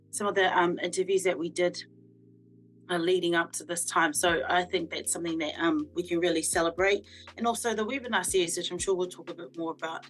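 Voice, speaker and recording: A woman speaks casually as a panellist. Her voice is on the lower side, and faint music plays behind it. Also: low-quality recording. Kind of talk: casual chat.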